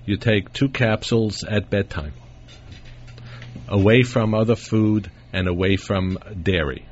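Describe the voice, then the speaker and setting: A man's voice: on the low side, a little slow. A man hosting a call-in radio show, answering callers in a plain, matter-of-fact way, taped off the radio. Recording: dull radio taping, faint hiss.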